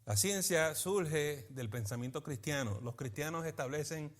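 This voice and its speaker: A man, a pastor teaching a Bible study in a lively preaching manner, often asking his listeners for agreement. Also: a little high, a little slow. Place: church meeting in a school building.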